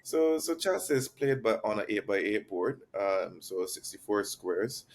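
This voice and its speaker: A man from Barbados with a fairly low voice explains patiently as a podcast guest. He speaks in a measured way, often pausing on ums and restarting his sentences. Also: lively intonation. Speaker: chess master guest. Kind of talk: explanatory interview talk. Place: Barcelona.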